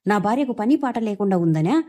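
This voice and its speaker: A woman's voice: medium pitch, animated, fairly quick, close to an everyday voice. A woman voicing an angry young husband who scolds his family for wasting his wife's cooking. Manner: scolding, shouting.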